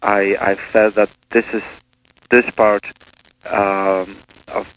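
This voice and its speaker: A Polish priest and missionary speaks in a conversational radio interview, his fairly low voice flat and slow, full of hesitations and restarts. The audio is a tinny phone line with hiss.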